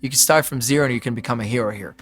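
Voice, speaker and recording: A financial advisor from Israel, appearing as a podcast guest, talks casually in loose everyday phrasing at a medium pitch. His speech races along in a slightly bright voice over soft background music.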